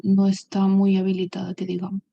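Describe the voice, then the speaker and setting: Woman student, gravelly, flat delivery, dull lo-fi line, video call. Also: medium pitch, brisk. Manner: answers briefly and politely.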